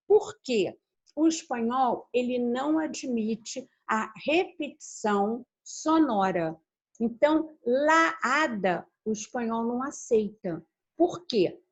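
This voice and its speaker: Woman teaching a language class, fairly high voice, very slow and deliberate, dull lo-fi sound. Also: slightly rough. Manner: slow, deliberate, spells out letters and repeats words; asks the class questions, then answers them. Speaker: Spanish teacher. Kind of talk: recorded online class. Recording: dull lo-fi recording.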